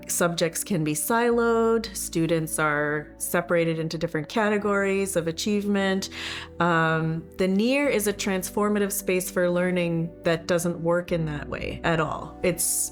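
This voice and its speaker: A woman giving reflective interview talk in a measured way, searching for her words. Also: lowish voice. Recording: faint music behind.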